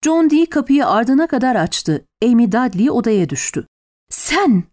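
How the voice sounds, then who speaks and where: A woman reading a historical novel aloud in the first person, dramatic and expressive. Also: fairly high pitch, normal speed. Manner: expressive, lively storytelling. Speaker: audiobook narrator.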